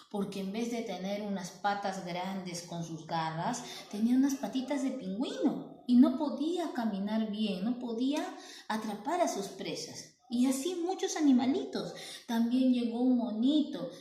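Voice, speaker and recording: A woman telling a story to children, animated and often asking the listener questions. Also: mid-range voice. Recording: roomy echo.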